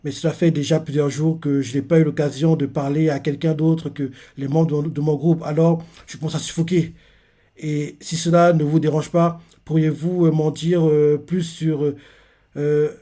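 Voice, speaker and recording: A man voicing a smooth-talking young man courting a maid, polite and feigning shyness. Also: fairly high pitch, little pitch movement, measured pace, mellow, lightly acted. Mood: courteous.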